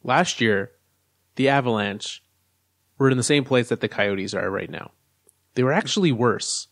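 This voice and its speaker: A man's voice: medium pitch, animated, unhurried, a bit bright, no echo. Dry-sounding analytical man co-hosting. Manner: analytical, lays out arguments step by step. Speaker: podcast co-host. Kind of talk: casual sports chat.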